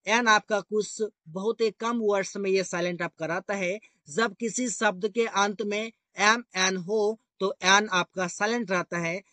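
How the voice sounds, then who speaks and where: Bright, high-voiced man teaching. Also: steady tone, a little slow, few pauses, no room sound. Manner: repetitive, addresses viewers as guys. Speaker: English teacher. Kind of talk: explanatory grammar lesson.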